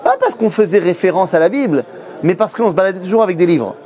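A middle-aged man giving a lively Torah lesson to camera in a busy yeshiva study hall, telling it like a story. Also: high voice, fast, some chatter behind. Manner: lively storyteller, acts out quoted voices. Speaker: Torah teacher.

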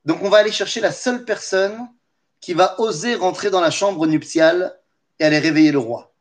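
A man with a high voice gives a lesson as lively storytelling. He is animated, breaks in with humorous asides and talks straight to his listeners. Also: moderate pace. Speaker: teacher of Torah.

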